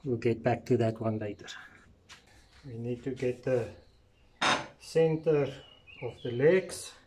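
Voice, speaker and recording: A man's voice: medium pitch, slow, a little hiss or hum. Middle-aged man chatting through a build. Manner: relaxed, talks to himself while working. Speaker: DIY vlogger. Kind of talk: casual narration while building. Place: garage and covered patio at home. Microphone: action camera, handheld and mounted.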